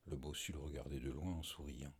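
Male audiobook narrator, measured and steady; deep, husky tone. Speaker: audiobook reader and podcast host. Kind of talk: scripted narration of a novel.

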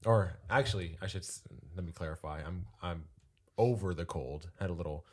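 Very deep-voiced man getting over a cold. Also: moderate pace. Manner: relaxed, many fillers, jokey. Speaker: podcast co-host. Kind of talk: casual podcast chat.

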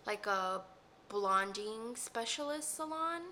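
A woman's voice: medium pitch, animated, slow, bright, forceful tone, a little hiss or hum. A woman hairstylist co-hosting a podcast, telling a story in chatty casual talk full of fillers. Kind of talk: casual chat.

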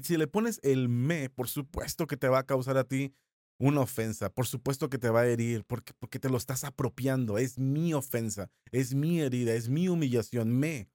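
A man's voice: medium pitch, a little mellow, dry recording, clean studio sound. Mexican man teaching a Bible lesson. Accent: Mexican Spanish. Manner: conversational, repeats phrases slowly for emphasis. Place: small studio.

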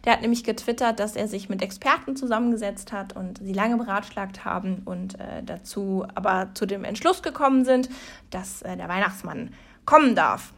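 A woman's voice: mid-range voice, normal speed, vocal fry, fairly bright tone. A woman talking alone at the desk in her room, chatting in a playful, self-mocking way with lots of jokes. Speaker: vlogger. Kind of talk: humorous casual monologue.

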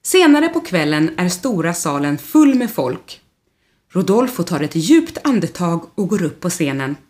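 A woman narrating a children's storybook with expressive, lively delivery. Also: on the low side.

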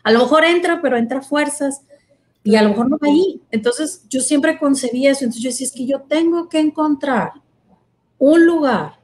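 A woman's voice: sits high, moderate pace, a little mellow. A woman, a guest earnestly telling her vocation story in conversation, with many fillers. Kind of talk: personal testimony in conversation.

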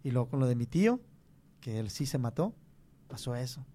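A man's voice: medium pitch, sing-song, a little hiss or hum. Earnest mexican man telling his testimony. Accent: Mexican Spanish. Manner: earnest, halting, with many restarts and soft asides. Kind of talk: personal testimony in conversation.

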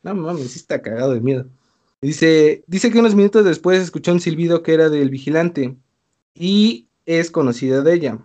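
A young Mexican man on a casual chat show, telling a listener's eerie story in loose slang and laughing now and then. His voice sits a little high for a man. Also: lively intonation, moderate pace, darkish tone. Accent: Mexican Spanish. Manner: slangy, laid-back, laughs between lines. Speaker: podcast co-host reading a listener's story.

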